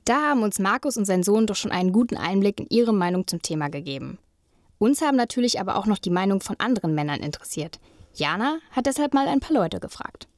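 A young woman co-hosts a student podcast, reading her links smoothly from a script. Her mid-pitched voice is dry and close to the mic. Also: lively intonation, fast talker, no room sound. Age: young adult. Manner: smooth, read-from-script linking. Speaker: podcast co-host, journalism student.

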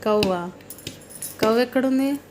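A woman's voice: a little high, unhurried, noisy background. A young mother, playfully coaxing and teasing her toddler at home at night in sing-song baby talk.

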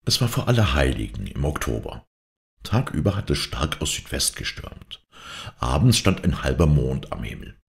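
Very deep, gravelly male storyteller. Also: normal speed. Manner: dramatic, expressive storytelling. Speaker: audiobook reader. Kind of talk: reading a classic novella aloud.

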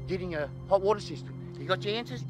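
A man in a heated outdoor confrontation, defiant and shouting angrily at a reporter. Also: high voice, lively intonation, fast, music in the background. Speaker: person of interest confronted by a reporter.

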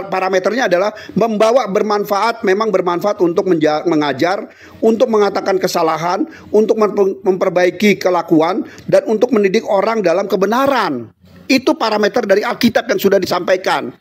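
Man, heated debater, shouting, talks over others, husky voice, fast. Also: high-pitched. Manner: shouting, repeating himself, talking over others.

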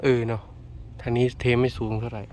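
A man's voice: medium pitch, level tone, a little fast, darkish tone, a little hiss or hum. A man chatting casually outdoors by a road, teasing and bantering as he talks. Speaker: vlogger. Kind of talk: casual chat on a work site.

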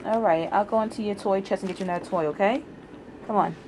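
A woman's voice: mid-range voice, quick pace. Woman cooing baby talk to her pet, noisy recording. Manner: cooing, coaxing questions to her cat. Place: indoors at home. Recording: clear background noise, handheld home recording.

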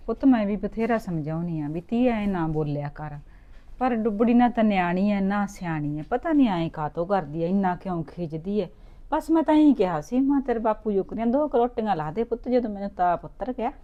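A woman's voice: mid-range voice, expressive, a little fast, narrow, tinny audio, natural voice. A woman playing a weary grumbling mother-in-law. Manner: muttering, weary complaining. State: feverish.

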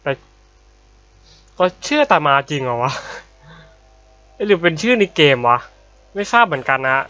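A young man with a bright, forceful voice and slightly raised pitch chats through his game, tossing in casual swearing and polite particles. His voice sounds a little worn from being unwell. The audio is dull and lo-fi, with faint game music behind. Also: big pitch swings, moderate pace, long pauses, no room sound. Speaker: gaming YouTuber.

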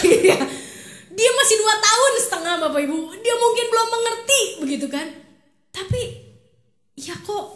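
A woman in her thirties, a pastor, preaching a sermon in a chatty, animated storytelling way. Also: very high voice. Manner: conversational, animated storytelling with laughs. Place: church hall. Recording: echoey church hall.

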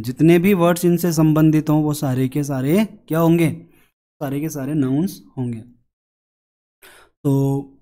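Male teacher walking through a worksheet as a voice-over, asking questions and answering them himself, dark mellow voice. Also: a little high. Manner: explains step by step, asks and answers own questions; slowly sings a children's rhyme line by line. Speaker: English teacher. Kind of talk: online worksheet lesson.

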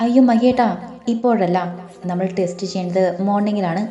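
A woman reading the lines of a shy, excited young wife in an audio story, speaking softly and bashfully. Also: medium pitch, a little fast, natural voice. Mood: hesitant. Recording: echoey room, faint music.

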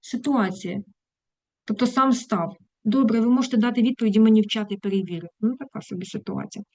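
A woman's voice: fairly high pitch, fast talker, darkish tone, no room sound. A woman English teacher giving a casual online lesson, chatty, breaking off mid-thought and turning to her students with fond asides. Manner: chatty, self-interrupting, affectionate asides.

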